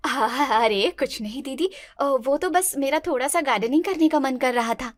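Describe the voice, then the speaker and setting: A woman's voice: high voice, moderate pace, no room sound, studio quality, natural voice. A woman voicing a timid, naive young daughter-in-law in a cartoon, stammering and pleading. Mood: anxious. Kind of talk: cartoon voice acting.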